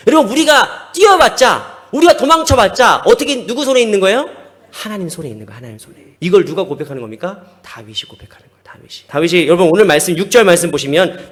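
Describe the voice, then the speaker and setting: A male pastor giving a sermon, emphatic, with rhetorical questions to the congregation in a church sanctuary. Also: high-pitched.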